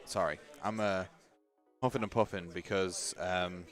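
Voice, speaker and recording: A man's voice: sits low, fairly even intonation, unhurried, faint music behind. A man giving casual live-stream commentary on a tabletop game, chatty and joking while he sorts out the stream.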